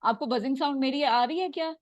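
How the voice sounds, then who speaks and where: A woman teaching Quran recitation, patiently explaining and slowly repeating sounds to demonstrate them. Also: sits high, no echo, highs cut off. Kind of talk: tajweed lesson.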